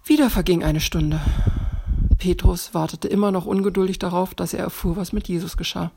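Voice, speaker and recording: A woman's voice: fairly low pitch, fairly quick, creaky, mellow, a little hiss or hum. A woman narrating a children's bible story who speaks directly to the child listening.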